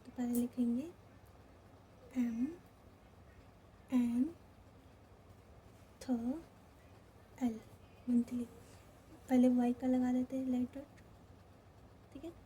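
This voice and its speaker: A woman's voice: a little high, level tone, dark tone, slight background noise. A woman with a Hindi accent teaching shorthand, walking through each step and checking in often. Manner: slow, repeats each step, checks in with "theek hai". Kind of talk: step-by-step lesson.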